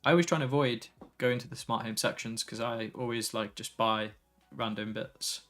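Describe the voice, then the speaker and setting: A man chatting casually on a live tech stream, relaxed and a little tired, reading viewer comments aloud and drifting between topics. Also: mid-range voice, normal speed, soft background music. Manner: relaxed, tired, easily sidetracked, reads chat aloud.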